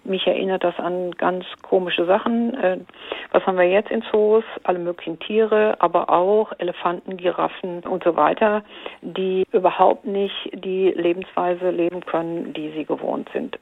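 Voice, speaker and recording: A woman's voice: on the low side, steady tone, moderate pace, creaky, no echo. A woman caller whose answering machine message is played on air, complaining plainly and with emphasis. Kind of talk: recorded voicemail opinion. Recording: tinny phone-line answering machine recording.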